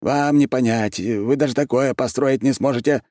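A man's voice: mid-range voice, expressive, normal speed, warm tone, no echo, studio quality, pitched above the performer's own voice, close to an everyday voice. A man playing a cranky old archmage. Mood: haughty, irritable. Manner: haughty, dismissive, panicky when caught out. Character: irritable arrogant old male archmage.

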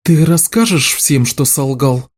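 A man reading aloud and voicing a fierce young village woman who shouts in outrage. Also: mid-range voice, a little slow, lightly acted. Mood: cold.

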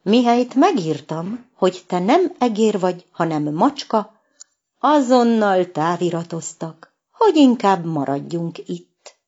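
A woman's voice: lowish voice, sing-song, dark tone, breathy edge, muffled recording. A woman voicing a fretful, whiny little male mouse in a storybook. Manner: whiny, sighing.

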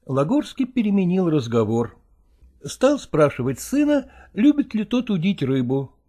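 A woman reading a novel aloud in a measured storytelling way. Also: lowish voice, big pitch swings, mellow. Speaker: audiobook reader. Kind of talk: scripted narration.

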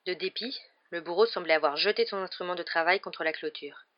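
A woman narrates an audiobook with a steady, measured reading in a fairly low voice. The recording sounds dull and muffled.

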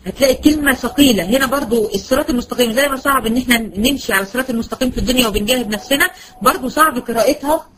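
A woman with an Egyptian Arabic accent teaching Quran recitation, patient and slowing right down to spell out sounds. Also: fairly high pitch, a bit bright, rough recording. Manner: patient, slows to a crawl when demonstrating words. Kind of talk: online Quran lesson.

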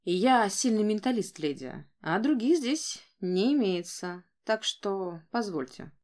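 Audiobook: a calm, soft-spoken nobleman who is a mind-mage, voiced by a female narrator. He talks low and hushed, with gentle teasing, and never raises his voice. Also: slow. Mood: calm, gently teasing.

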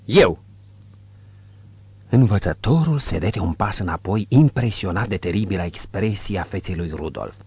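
A man narrating an audiobook in a measured, descriptive reading. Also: low-pitched, lively intonation, mellow, husky, no echo. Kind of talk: scripted narration.

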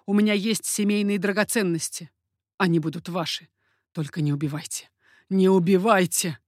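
A humble, pleading old man, read by a woman who lowers her voice for him. He begs in a soft, imploring tone. The sound is dry and close. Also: a little fast, no echo, lightly acted. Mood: begging. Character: old male Paris moneylender, begging father.

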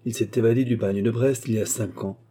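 A man's voice: on the low side, steady tone, fast talker, husky. A man voicing a cold, scheming villainous baronet who speaks curtly and imperiously in a storybook reading. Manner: curt, sharp, imperious.

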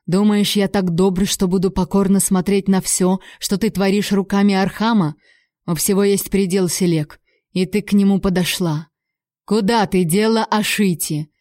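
A woman reading the part of a proud young male warrior, speaking with cold, measured threat. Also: medium pitch, steady tone, dark tone, no echo, studio quality, close to an everyday voice. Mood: cold menace.

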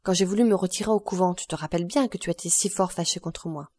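A woman's voice: fairly low pitch, quick pace, darkish tone, no room sound, close to an everyday voice. A woman reading an audiobook, voicing an earnest young woman who speaks anxiously and affectionately to her grandfather. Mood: pleading.

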